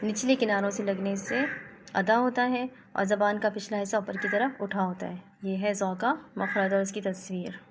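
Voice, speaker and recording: Woman teaching recitation sounds, flat delivery. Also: medium pitch, background noise. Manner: patient, demonstrates each sound slowly, then explains; mixes in English phrases. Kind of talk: online lesson on letter pronunciation.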